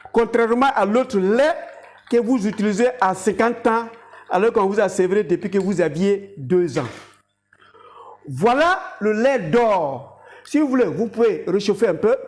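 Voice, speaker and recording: A woman speaks as a health educator in a mid-pitched voice. She explains things didactically and addresses her viewers directly, as in a practical demonstration. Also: a little mellow.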